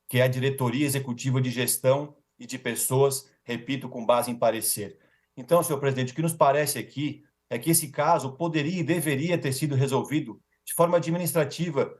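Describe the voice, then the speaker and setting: A Brazilian man with a mid-range voice speaks as a defense lawyer, giving a formal, rhetorical speech. He repeats points for emphasis and uses ceremonious forms of address.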